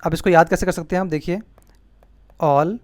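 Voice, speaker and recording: A man's voice: on the high side, steady tone, moderate pace, a little mellow, no room sound. A man teaching vocabulary with memory tricks, explaining patiently and often checking with "ठीक है?". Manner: explanatory, repeats words, asks "ठीक है?". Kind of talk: mnemonic vocabulary lesson.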